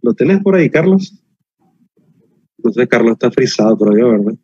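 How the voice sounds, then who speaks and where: A man's voice: medium pitch, very animated, normal speed, warm tone, husky, no room sound, lo-fi sound. A man preaching a sermon as a pastor, emphatic and repetitive with touches of humor, heard over a video call.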